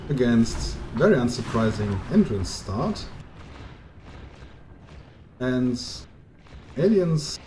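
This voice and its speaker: A man with a German accent commentating a live strategy game as caster, chatty and joking, lifting into excitement on the action. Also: medium pitch, reverberant, slight background noise. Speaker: esports caster.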